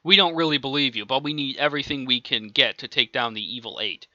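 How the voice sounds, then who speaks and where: A man's voice: mid-range voice, fast talker, bright, forceful tone, dry recording. A man voicing a bossy, impatient male agency chief who gives curt orders, on a dull lo-fi recording. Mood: briefing. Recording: dull lo-fi dry home recording.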